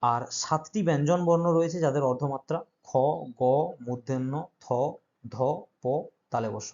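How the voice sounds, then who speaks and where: A man's voice: medium pitch, a little slow, highs cut off. A male teacher who explains an exam-prep grammar lesson step by step and keeps checking that his students follow.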